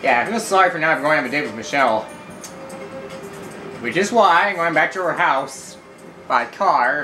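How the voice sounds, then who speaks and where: A man's voice: a little high, bright, forceful tone, poor audio. Rambling man narrating his gameplay. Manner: rambling, self-mocking, role-playing his character. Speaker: gameplay commentator.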